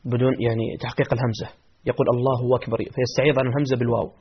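Husky guy hosting a radio q&a, polite, asks the scholar questions. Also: mid-range voice, fairly even intonation, rapid-fire. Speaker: radio show presenter. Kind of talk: radio religious Q&A. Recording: dull lo-fi radio broadcast.

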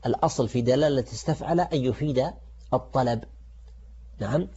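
A man teaching Quranic grammar in formal Standard Arabic as a programme's religious teacher, in a halting way that repeats words as he explains. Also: medium pitch, dark tone, slightly rough. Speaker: religious teacher presenting a show. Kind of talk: Quranic grammar lesson, semi-improvised lecture. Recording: dull, muffled lo-fi audio.

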